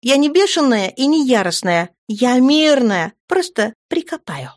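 A woman's voice: high-pitched, very animated, measured pace, voice pushed up. A woman voicing a feisty, hot-tempered young woman who exclaims indignantly, in an audiobook.

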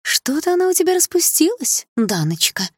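A woman's voice: very high-pitched, big pitch swings, normal speed, no echo, studio quality, pitched above the performer's own voice. A woman voicing a gossipy elderly woman with a sugary, nosy way of talking. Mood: scolding whisper. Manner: chirping, syrupy, nosy.

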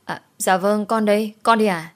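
A woman's voice: mid-range voice, fairly even intonation, normal speed, natural voice. A woman voicing a timid young servant girl who answers humbly. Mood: meek. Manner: humble and deferential.

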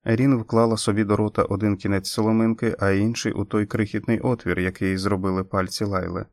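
Low-voiced male audiobook narrator. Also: little pitch movement, brisk, a little mellow, no echo. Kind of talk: scripted narration.

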